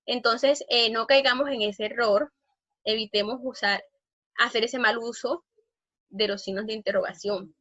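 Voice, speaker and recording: Bright-voiced woman teaching grammar. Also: a little high, steady tone, measured pace, no room sound, muffled recording. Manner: emphatic, with fillers and restarts. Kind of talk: explaining a grammar lesson.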